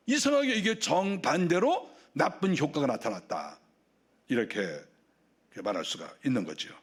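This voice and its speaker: A male pastor delivering a sermon in a chatty, storytelling manner. He keeps asking the congregation rhetorical questions. His voice sits slightly high for a man. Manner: conversational, full of rhetorical questions.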